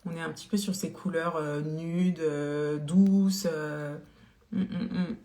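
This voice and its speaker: A woman's voice: low voice, fairly even intonation, slow pace, mellow. A woman hosting a casual live-stream product demo, chatty and full of fillers, greeting viewers by name. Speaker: beauty live-stream seller. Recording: roomy echo.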